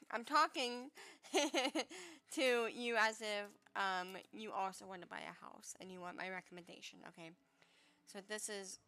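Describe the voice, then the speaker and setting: A woman's voice: medium pitch, bright, forceful tone. A young woman with a congested, stuffy voice chatting casually over gameplay, rambling with many fillers and the odd swear as she gives advice. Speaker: gaming vlogger giving advice.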